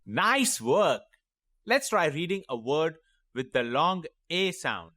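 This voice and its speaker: Slow, lively-voiced man teaching phonics. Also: a little high, noisy background. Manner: slow, clearly sounding out each letter and word; encouraging, addresses young children directly. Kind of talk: children's phonics lesson.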